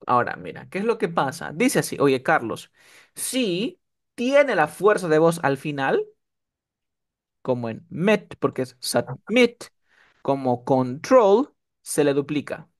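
A man's voice: a little high, big pitch swings, unhurried. A man teaching English one-on-one over a video call, often checking that his student is following. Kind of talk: one-on-one online tutoring.

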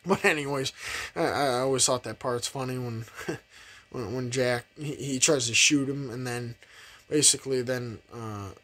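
A man's voice: medium pitch, moderate pace, bright, forceful tone. A young man reviewing a film in a casual, rambling way, swearing a lot, filling gaps with "like", and laughing as he goes. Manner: rambling, profane, heavy use of fillers; laughs often while talking. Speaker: movie reviewer.

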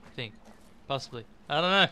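A man's voice: a little high, expressive, a little fast, noisy background. A man casually commenting on his gameplay, often laughing and making mock-exasperated asides. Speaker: let's play gamer.

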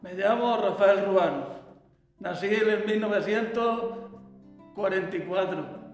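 A man, talking haltingly with many fillers about his life in the countryside. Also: sits high, soft background music. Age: 70s. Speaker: interviewee, farmer. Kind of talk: reminiscing interview. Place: room at home. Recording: echoey room with long reverb.

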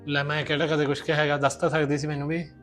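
An actor playing an easygoing young husband and dutiful son in a short film drama, talking in a mild, agreeable way. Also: male voice, a little high, flat delivery, racing, a bit bright, soft background music, close to an everyday voice.

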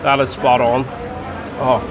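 Speaking slowly and flatly in a mid-range voice, a Northern Irish man in his forties reviews drinks and food for his travel vlog. He's relaxed about it, sitting on an open-air bar and restaurant terrace with a crowd audible behind him.

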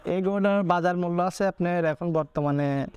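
A man's voice: high-pitched, a little mellow, slight background noise. A man who runs a dairy farm, talking casually about his cattle on site and often checking with "okay?". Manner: quick, repeats "ji, ji" and "thik ache?". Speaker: dairy farmer.

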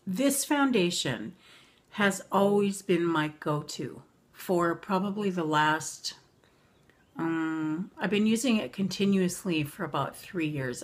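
A woman in her forties chatting casually about makeup in a rambling way, full of ums and self-corrections, recorded on a camera in her bedroom. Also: fairly low pitch. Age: 40s. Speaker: beauty vlogger. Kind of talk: casual makeup review vlog. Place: bedroom at home.

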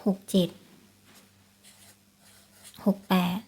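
Extremely slow and dark in tone, a woman hosting a lottery tips channel explains things casually to her viewers. She repeats her points and frequently checks for agreement using polite particles.

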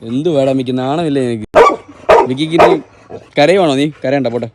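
A man's voice: mid-range voice, wildly swooping pitch, brisk, gravelly, heavy background noise. A man vlogging casually, teasing and chatting to his pet dog.

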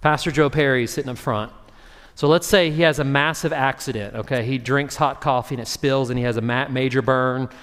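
A man's voice: medium pitch, brisk, a bit bright, clear, resonant tone. Man preaching in a reverberant sanctuary. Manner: conversational, acts out short voices in his story. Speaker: pastor. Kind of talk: sermon. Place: church sanctuary. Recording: long hall reverb.

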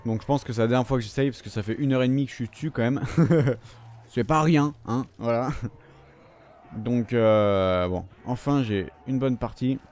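A man giving live commentary over his gameplay, ranting and swearing in frustration, then talking himself back into calm. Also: medium pitch, moderate pace. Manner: profane, frustrated ranting that swings between outbursts and calming himself. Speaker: gamer recording his gameplay.

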